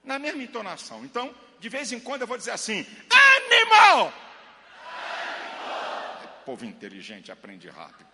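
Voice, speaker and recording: Pastor man preaching loud then quiet, high voice all over the place, big echoey church. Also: big pitch swings, fast talker, hardly any pauses, over a noisy crowd, heavy background noise. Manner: dramatic preaching, swinging from shouts to low murmurs. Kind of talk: Pentecostal sermon. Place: church with live congregation.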